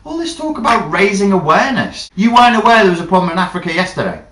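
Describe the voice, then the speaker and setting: A man ranting sarcastically and swearing, with clear exasperation. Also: high voice, big pitch swings, quick pace, fairly bright tone. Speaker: vlogger. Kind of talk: ranting commentary. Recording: roomy echo.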